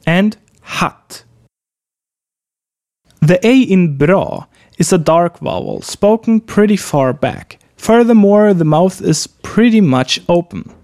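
A man teaching a pronunciation lesson, demonstrating vowel sounds slowly and carefully in a friendly way. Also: high voice, sing-song, mellow, no room sound, studio quality. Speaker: language teacher.

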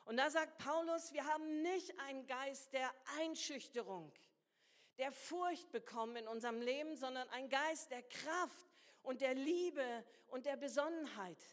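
A woman's voice: high-pitched, measured pace, long reverb tail. A woman preaching a sermon. She drives points home by repeating phrases and slips casual slang into her preaching. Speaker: guest preacher.

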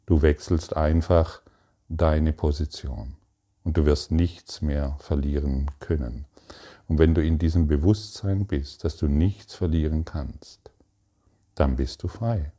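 A man giving a calm, meditative spiritual talk, speaking to the listener directly and asking probing questions in halting phrases. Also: very deep voice. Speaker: spiritual teacher.

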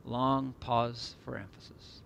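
A middle-aged man preaching a sermon, earnest and emphatic, slowing for repeated phrases and dropping suddenly soft. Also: mid-range voice, fairly even intonation, creaky, lo-fi sound.

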